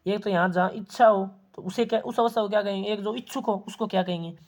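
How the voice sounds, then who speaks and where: A man's voice: high voice, fairly even intonation, fast talker. Man teaching exam questions. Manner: explains and repeats answers, asks questions then answers them. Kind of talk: exam prep lesson.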